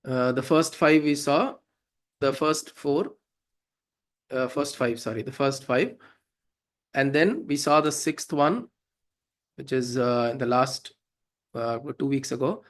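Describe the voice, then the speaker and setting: A man's voice: medium pitch, takes it slowly, long pauses. A man with a South Indian accent explaining devotional verses as a teacher, in an informal, didactic way with frequent check-in questions. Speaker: teacher of Sanskrit devotional hymns.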